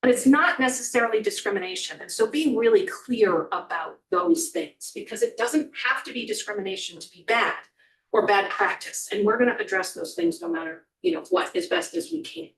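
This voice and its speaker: Testifying before a committee in a legislative hearing room, a woman corrections official explains herself earnestly, dropping frequent ums. Her fairly high voice is animated, a little fast, gravelly and a bit bright, recorded from a distance off-mic amid the room's echo.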